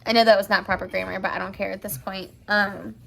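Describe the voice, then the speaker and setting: A woman's voice: mid-range voice, flat delivery, fast, vocal fry. A young woman vlogging at home, telling a story casually with lots of fillers and giggles.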